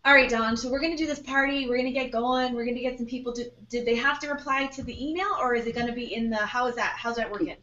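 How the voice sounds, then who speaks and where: A woman co-hosting a live online happy hour, chatting in a bubbly, excitable way. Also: fairly high pitch, quick pace, few pauses. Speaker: co-host. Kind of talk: casual live webinar chat. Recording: echoey, distant, dull lo-fi audio.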